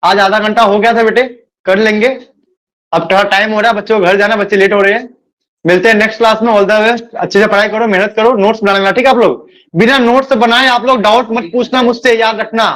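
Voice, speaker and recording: A man with a rather high voice teaches a math class. He talks quickly by his own account, repeats key words and keeps addressing the students kindly. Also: fairly even intonation, a bit bright. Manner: admits speaking fast. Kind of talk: live online class lecture.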